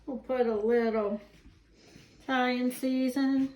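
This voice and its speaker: A cooking show host demonstrates a recipe in her indoor kitchen, folksily narrating each step. She speaks slowly in a high but darkish voice with a steady tone. Echo and faint background noise color the recording.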